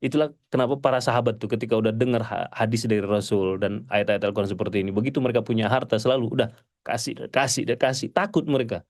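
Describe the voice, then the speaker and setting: A male preacher giving a mosque sermon to a congregation, animated and pleading, swinging between loud exclamations and soft murmurs. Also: lowish voice, quick pace, no room sound, studio quality.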